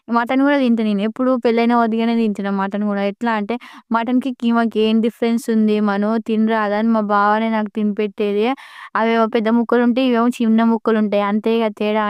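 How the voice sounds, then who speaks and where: A young woman with a Telangana Telugu accent, telling her own story in a slow, sorrowful way in a casual vlog. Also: mid-range voice, darkish tone, clean tone, no room sound. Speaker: vlogger. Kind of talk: casual personal vlog talk.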